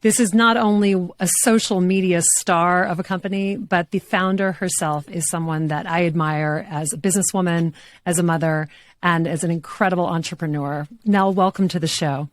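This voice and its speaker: Middle-aged woman host, upbeat, laughs a lot, pretty low voice. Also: fairly even intonation, normal speed. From Louisiana, US. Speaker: podcast host. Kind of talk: interview.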